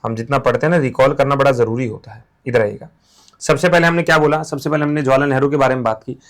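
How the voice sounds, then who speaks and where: A man's voice: mid-range voice, fairly even intonation, fast talker. A man teaching exam material through playful, silly memory stories in a casual classroom manner. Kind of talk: mnemonic lesson, casual classroom talk.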